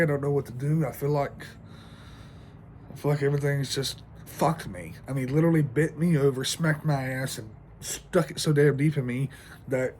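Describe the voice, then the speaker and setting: A man's voice: fairly high pitch, darkish tone, slight background noise. A man venting in a rambling, stressed vlog monologue, sleepless and shivering outdoors in the cold, swearing a lot. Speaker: vlogger.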